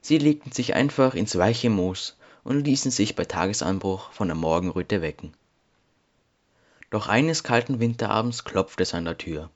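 A man reads a fairy tale in a calm, measured way. His voice sits low. The recording sounds dull and lo-fi. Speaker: narrator. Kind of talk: scripted fairy tale narration.

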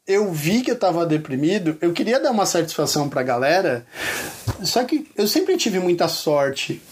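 A man's voice: fairly high pitch, sing-song, moderate pace, breathy edge. A man speaking as an interview guest, telling a candid personal story in an earnest, colloquial way with lots of casual fillers.

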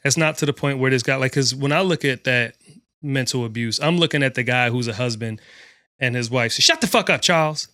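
A man's voice: medium pitch, fairly even intonation, a little fast, bright, forceful tone, no echo. A man with a mid-range voice talks bluntly and profanely in a casual podcast debate. He rambles through his points with constant fillers. His voice sits close and dry on the mic with no room sound. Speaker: podcast co-host.

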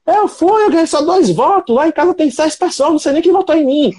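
A man's voice: very high-pitched, brisk, darkish tone, voice pushed up. A man voicing a furious man with a thick Minas Gerais accent, a candidate who lost the council election, complaining indignantly.

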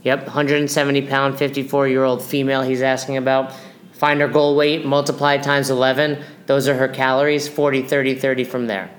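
A man's voice: mid-range voice, flat delivery, fairly quick. A man hosting as a nutrition coach, explaining things in casual, instructional talk.

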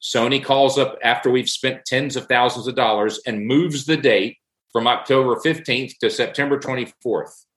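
Middle-aged guy talking faith, earnest, keeps repeating his point, echoey room, regular mid pitch. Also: moderate pace, fairly bright tone. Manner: earnest storytelling with repeated emphatic phrases. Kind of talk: casual faith discussion. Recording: roomy echo.

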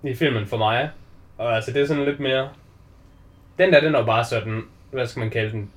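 A man in casual conversation about a film, retelling scenes with lively quoted voices and frequent swearing. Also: medium pitch.

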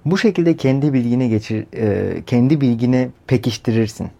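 Mellow-voiced man in a rhetorical podcast monologue. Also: medium pitch, fairly quick, vocal fry, dull audio. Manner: conversational, rhetorical, opinionated. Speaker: podcast host. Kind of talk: casual monologue.

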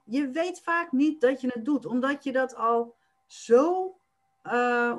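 A woman coach speaks in a podcast interview, her voice sitting a little high. She explains calmly and now and then slips into rapid acted-out self-talk. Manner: acts out inner self-talk in quick bursts.

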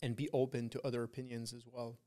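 He's a fast talker with a dark, mid-range voice and little pitch movement: a trader and trading-community leader guesting on a casual motivational podcast. Frat-bro in manner, he sprinkles in bro, dude, and curses, hammering points home through emphatic, preachy repetition.

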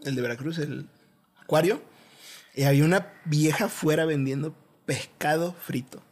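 A young man with a Mexican Spanish accent trades teasing, swear-laden banter with a friend. His voice sits a little high for a man, and he talks fast and loose. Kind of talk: casual chat between friends.

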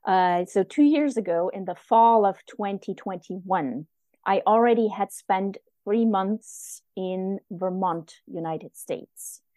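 Slow, mellow-voiced woman. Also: medium pitch, no room sound. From Germany. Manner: halting, reflective, heartfelt. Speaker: guest. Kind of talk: casual conversation.

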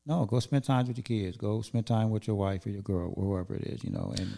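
A man's voice: fairly low pitch, fairly quick, vocal fry, warm tone. A man in his forties hosting a podcast, giving candid, casual advice and swearing now and then. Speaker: podcast host. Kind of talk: casual chat.

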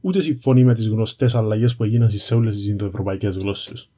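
A man's voice: on the low side, dark tone, husky. A man with a Cypriot Greek accent narrates an educational piece in a conversational storytelling style, explaining things informally and directly to the listener. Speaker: presenter of an educational series on language history.

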